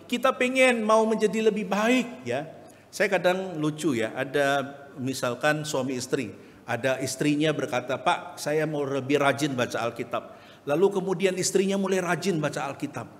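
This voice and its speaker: A man's voice: high-pitched, normal speed. A male evangelist preaching a sermon, telling funny stories and asking the congregation questions. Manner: humorous storytelling, asks the congregation questions. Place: church hall. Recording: long church reverb.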